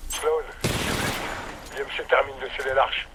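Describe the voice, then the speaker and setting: A man's voice: mid-range voice, level tone, normal speed. An actor playing a cold male enemy commander who gives curt orders over a helmet radio transmission in a game. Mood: commanding. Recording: noisy distant radio transmission.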